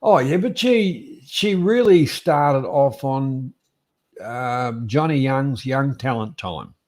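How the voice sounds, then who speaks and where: A middle-aged Australian man hosts in a loose, chatty style. He rambles through anecdotes in plain blokey slang, sounding like a casual trivia host at an average male pitch. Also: lively intonation, slow, a little mellow.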